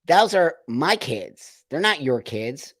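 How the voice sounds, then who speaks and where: A man's voice: on the high side, sing-song, slow, fairly bright tone, husky, no echo, studio quality. A man hosting a casual live stream, reading out viewer comments and answering them in an emphatic, emotional way, often repeating phrases for stress.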